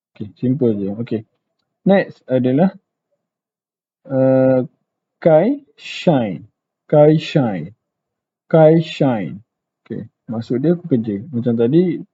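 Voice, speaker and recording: A man with a Malaysian accent gives a relaxed language lesson, saying each word slowly and repeating it carefully. He speaks in an unhurried, easygoing way. The sound is thin and tinny, like it comes over a phone line. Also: medium pitch, slightly rough. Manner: repeats words slowly and carefully, many fillers like okey. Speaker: Japanese language teacher. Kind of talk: casual online language lesson.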